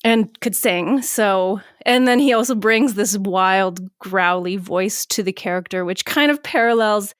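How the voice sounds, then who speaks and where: A woman musician chatting as a podcast guest, rambling and animated, acting out her own past remarks. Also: mid-range voice, unhurried, hardly any pauses, clear, resonant tone, no room sound, studio quality. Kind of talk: casual interview chat.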